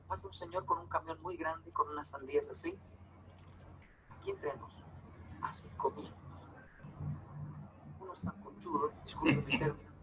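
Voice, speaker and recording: A man's voice: on the high side, noisy background. A man from Bogotá with a Bogotá Colombian accent, telling stories in a talk with irony and acting out the people in them. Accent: Bogotá Colombian Spanish. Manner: animated, ironic storyteller acting out dialogue. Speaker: speaker giving a talk. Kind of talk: storytelling talk to an audience.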